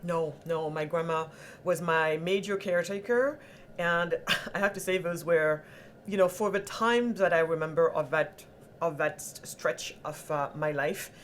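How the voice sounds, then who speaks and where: A woman from Senegal, a guest entrepreneur, telling her life story in an animated, earnest conversational way. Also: lowish voice, unhurried, a little hiss or hum. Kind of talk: conversational interview.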